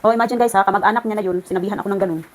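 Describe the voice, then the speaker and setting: A woman's voice: mid-range voice, fairly even intonation, rapid-fire, low-quality recording. A woman vlogger chatting to her viewers while ironing at home, in a rambling, ranting way. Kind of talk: casual chat.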